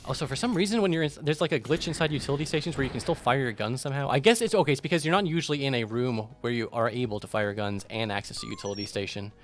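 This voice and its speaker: A man's voice: mid-range voice, rapid-fire, hardly any pauses, faint music behind. A man streaming a video game, rambling casually about its quests with lots of fillers. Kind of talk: casual gameplay commentary.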